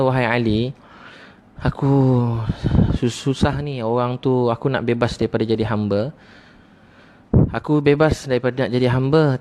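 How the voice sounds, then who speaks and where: Man preaching with gentle repetition. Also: mid-range voice. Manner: repetitive, gently emphatic teaching with frequent "ha". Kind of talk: sermon.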